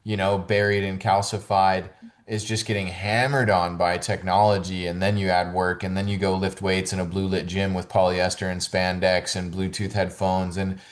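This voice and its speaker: A man who works as a holistic fitness coach, chatting as a podcast guest in a loose, rambling way full of "like" and "you know", and livening up when he gets excited. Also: sits low, normal speed. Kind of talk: casual conversational interview.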